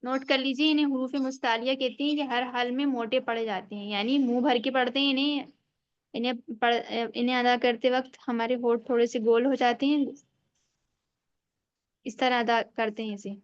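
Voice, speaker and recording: A woman's voice: on the high side, fairly even intonation, no room sound, highs cut off. Patient woman teaching an online class. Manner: patient, repeats each rule and checks understanding. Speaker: Quran reading teacher.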